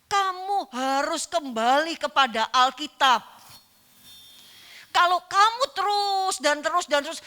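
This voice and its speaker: A woman's voice: high-pitched, pushed and bright. A woman pastor preaching a sermon in church, telling a personal story and acting out the dialogue she quotes.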